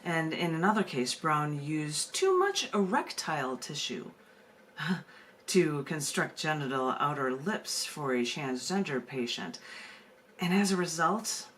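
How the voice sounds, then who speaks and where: A woman with a deep, slightly bright voice hosts a video call open mic, speaking animatedly and slowly as she shifts between casual talk and narrative readings of her poetry. The room sound is noisy.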